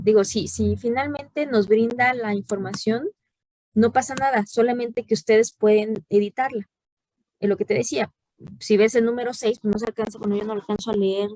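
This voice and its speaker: A woman's voice: on the high side, a little mellow, dry recording. A woman, a teacher giving patient, corrective feedback on a student report during an online class. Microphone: video call.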